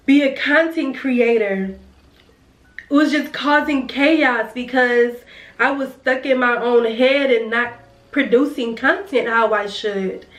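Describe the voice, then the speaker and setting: Young woman doing a grwm, slow chatty talk, kinda far from the mic, roomy sound. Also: fairly high pitch. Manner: chatty and heartfelt, addressing viewers as girl and y'all. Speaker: beauty vlogger. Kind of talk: casual get-ready-with-me chat. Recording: roomy sound from a distance with faint music.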